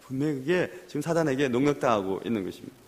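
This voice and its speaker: A male pastor preaching a sermon in an animated way, acting out the voices he quotes. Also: medium pitch, very fast. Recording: long hall reverb.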